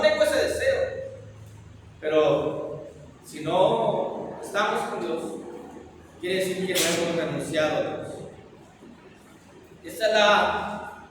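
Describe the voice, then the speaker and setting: A man preaches a sermon in a very high voice, firing rhetorical questions at his congregation. He sounds far from the microphone, and the big church hall rings with a long, echoing reverb. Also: noisy background. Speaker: pastor.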